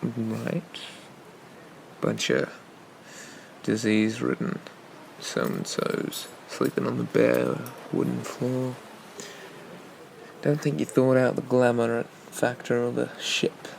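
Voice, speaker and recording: Faint noise sits behind a roguish, gentlemanly pirate captain, played by a man in an ASMR ASMR role-play. He talks very slowly, with a creaky, gravelly edge. His manner is flirty and teasing, with murmured asides. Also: mid-range voice, lively intonation, full character voice, poor audio. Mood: teasing, courting.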